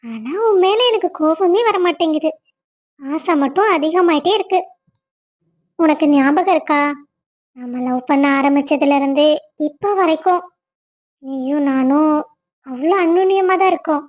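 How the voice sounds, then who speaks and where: Cartoon lead: a woman playing a loving, tearful young wife, squeaky-high voice, emotional. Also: measured pace, long pauses, a little mellow. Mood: longing. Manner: emotional, weepy, pleading. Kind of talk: cartoon family drama voice acting.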